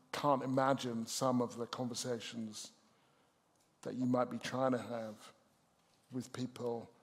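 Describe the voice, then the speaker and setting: A man hosting a panel discussion, speaking in a hesitant way and searching for his words. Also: medium pitch. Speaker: event host. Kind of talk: panel moderation. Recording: long hall reverb.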